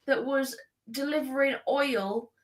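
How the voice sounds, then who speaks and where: A woman's voice: high-pitched, measured pace. A woman co-hosting a casual live-stream chat, blunt and exasperated, swearing freely. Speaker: podcast co-host.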